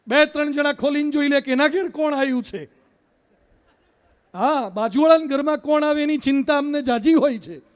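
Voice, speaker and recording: A man, a monk, giving a seminar sermon as an animated storyteller who acts out the voices and shouts of people in his story. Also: very high-pitched, long reverb tail.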